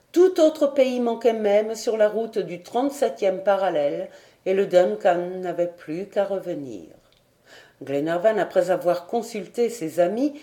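A woman reading a classic adventure novel aloud as an audiobook narrator, calm and even. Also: medium pitch. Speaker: audiobook reader.

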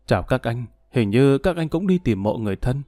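A man's voice: medium pitch, lively intonation, fairly quick, dark tone, no echo, faint music behind, lightly acted. A man voicing a courteous middle-aged male war veteran, polite and subdued.

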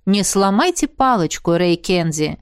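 A male combat magic teacher calls out brisk corrections to his students, as a woman reads him. The audiobook recording is dry and close. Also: lowish voice, very animated, clean tone, no room sound. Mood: instructing. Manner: brisk, commanding.

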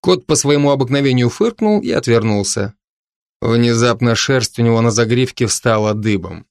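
A man narrating a fantasy story in an even storytelling manner. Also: medium pitch, normal speed, clean tone, no room sound, studio quality. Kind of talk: audiobook narration.

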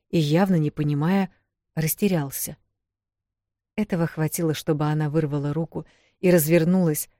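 A woman narrating a fantasy audiobook in a measured, steady way. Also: low-pitched, no room sound, clean studio sound.

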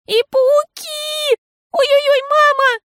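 A woman voicing an excitable, fidgety seven-year-old girl who squeals and whines. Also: very high-pitched, normal speed, dry recording, studio quality, pitched above the performer's own voice. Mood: frightened whiny. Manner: squealing, whiny and breathless.

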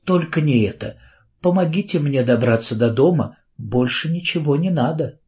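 Guy putting on a nervous proper lady, hurried begging tone, muffled recording. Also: fairly high pitch, expressive, a little mellow, pitched above the performer's own voice, close to an everyday voice. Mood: pleading. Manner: hurried and pleading. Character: flustered, prim woman teacher, hurt. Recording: dull lo-fi recording.

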